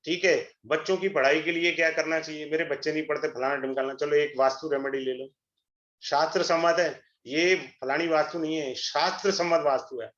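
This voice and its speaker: A middle-aged man giving an astrology webinar, a persuasive, salesy pitch that mixes Hindi and English. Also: fairly even intonation, normal speed, a bit bright. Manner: switches between Hindi and English. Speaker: astrology teacher. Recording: echoey room, dull lo-fi sound.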